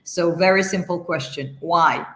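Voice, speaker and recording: A woman's voice: fairly low pitch, measured pace, fairly bright tone, echoey room. A woman hosting a business interview, introducing her guest with many hesitant fillers. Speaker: interview host.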